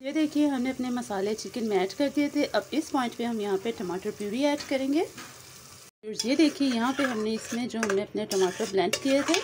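A woman with a fairly high, slightly mellow voice, speaking at normal speed, hosts a cooking show from her home kitchen. She walks viewers through each recipe step in a friendly, direct way, dropping in English words, over the sizzle and frying of a pan on a noisy phone recording.

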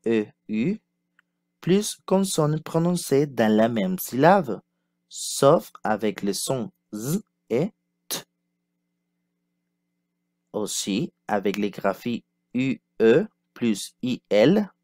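A man teaching pronunciation who models each sound and word slowly and clearly so learners can repeat after him. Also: medium pitch, darkish tone, no room sound. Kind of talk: slow, carefully enunciated pronunciation lesson.

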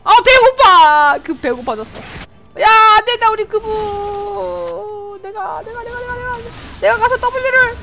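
Very high-pitched excitable woman streamer. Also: unhurried. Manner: excitable, shouts and laughs often, talks back to chat. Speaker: game streamer. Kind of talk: live gameplay commentary. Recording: game music playing clearly behind. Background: game music.

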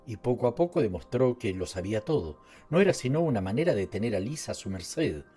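Man, Latin American Spanish accent, audiobook narration, measured, warm mellow voice, faint music. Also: medium pitch, big pitch swings, breathy edge. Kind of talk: scripted narration.

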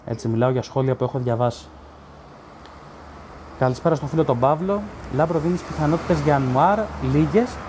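Blunt man with a dark voice. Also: mid-range voice, a little hiss or hum. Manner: blunt, argumentative with commenters, many fillers and restarts. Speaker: sports journalist hosting a live stream. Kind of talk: casual live-chat commentary reading viewer comments.

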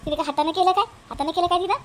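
A woman voicing a calm, reassuring village neighbor woman who repeats herself firmly. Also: extremely high pitch, very fast, slight background noise. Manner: reassuring, firm, repetitive.

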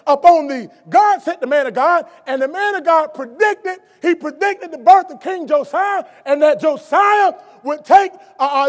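A middle-aged guest preacher with a very high-pitched voice gives a sermon at a lectern on stage in a college chapel auditorium, going from quiet explanation to shouted emphasis. He often stumbles and restarts when speaking off the cuff. It's recorded on a lectern mic with a wide camera, and the large chapel lends a long hall reverb.

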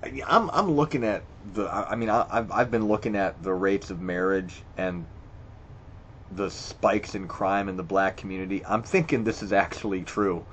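His voice sits low yet sounds a bit bright, moving at normal speed over slight background noise. In this screen-recorded voice-over, a video creator works through quiz questions aloud, reacting with blunt profanity and stammering restarts as he thinks.

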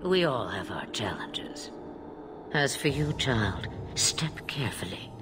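An actress playing an ancient, cryptic dragon witch in a video game, speaking in a deliberate, portentous way with a whispery edge. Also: very deep voice, very animated, background noise, exaggerated voice. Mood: solemn, cryptic.

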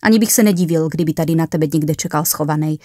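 A woman's voice: low-pitched, a little mellow, no room sound, studio quality. A woman voicing a grumpy young male coworker in a hurry to leave, who speaks in a curt, dismissive way.

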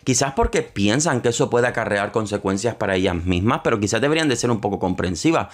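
A young man, giving opinionated, sarcastic commentary on a reality show and slipping into quick impressions of the people on it. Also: on the low side, animated. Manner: sarcastic, opinionated, mocking asides; quick shifts into quoting others. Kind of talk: casual commentary.

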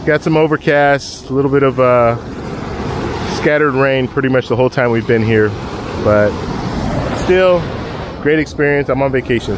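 A man's voice: fairly high pitch, background noise. A middle-aged man vlogging about travel in a casual, rambling way, filming himself at arm's length on an outdoor beach. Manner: chatty, rambling with many restarts. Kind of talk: casual selfie vlog. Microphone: phone camera at arm's length.

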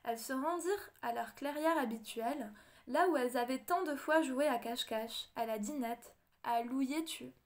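A woman narrates a storybook audiobook in a measured, expressive read-aloud manner. Her voice sits high for a woman. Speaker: audiobook reader.

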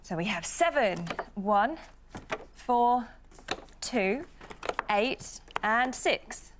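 A woman presenting the numbers round on a quiz show, brisk and upbeat. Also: fairly high pitch, lively intonation. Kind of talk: calling out numbers. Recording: noisy studio, off-mic.

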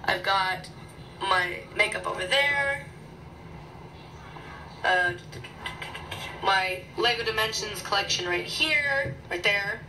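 A woman chatting casually through an unboxing vlog in her small bedroom, excitable and rambling, recorded on a phone camera. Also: medium pitch, slow pace, long pauses, a little hiss or hum, rough recording. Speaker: vlogger.

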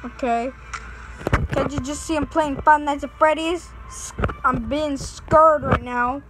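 High-voiced jittery gamer woman. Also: steady tone, slow, over music, rough recording. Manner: jittery, scared, pleading with fans. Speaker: gaming channel host. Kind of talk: let's play commentary.

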